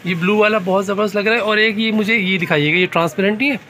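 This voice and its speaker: Man, high voice, Karachi Urdu accent, enthusiastic vlogger, faint shop noise. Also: fairly even intonation, racing, sharp tone. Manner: enthusiastic, repeats prices back. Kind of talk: shopping vlog presenting. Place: busy bag shop in a mall.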